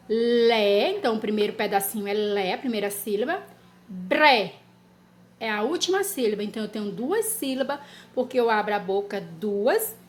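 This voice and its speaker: A woman teaching small children in a lesson video, coaxing them along with tag questions and slowly dictating sentences twice over. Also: a little high, a little hiss or hum. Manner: dictates sentences slowly, repeating each one. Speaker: primary school teacher. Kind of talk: slow, clear lesson for young children. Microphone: recorded lesson video.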